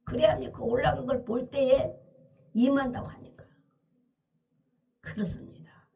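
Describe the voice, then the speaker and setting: A woman's voice: sits high, a little slow, vocal fry, dark tone, recorded from a distance. A woman preacher telling a scripture story as a dramatic, emphatic sermon, often crying out hallelujah.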